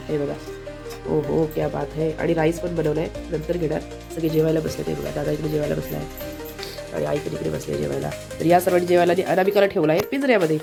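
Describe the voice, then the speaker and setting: Brief: woman vlogger, Konkan Marathi accent, brisk chatter to a phone camera. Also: low-pitched, creaky. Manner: chatty, shows things to the camera. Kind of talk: casual daily vlog narration. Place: family home, indoors.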